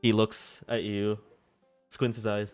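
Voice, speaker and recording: A man working as game master, casually narrating a tabletop role-playing game in halting, improvised phrases. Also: lowish voice, little pitch movement, a little mellow, clear, resonant tone. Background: background music.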